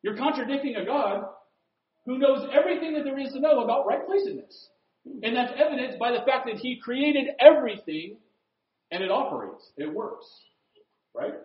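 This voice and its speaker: High-voiced preacher in an echoey room. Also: male voice, lively intonation, normal speed. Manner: conversational, asks rhetorical questions, swings between loud emphasis and quiet asides. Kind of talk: sermon. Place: room with a board. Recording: roomy, dull lo-fi recording.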